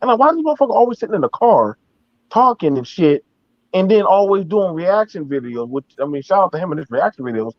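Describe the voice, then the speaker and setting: A man's voice: high-pitched, very animated, quick pace, no echo, muffled recording. A man in a casual, heated online discussion, speaking emphatically and repetitively with heavy swearing.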